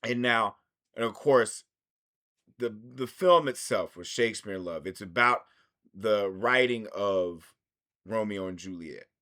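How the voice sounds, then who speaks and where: A man's voice: on the low side, measured pace, bright, forceful tone. A man reviewing films in a rambling, casual monologue, swearing constantly. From United States. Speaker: film reviewer.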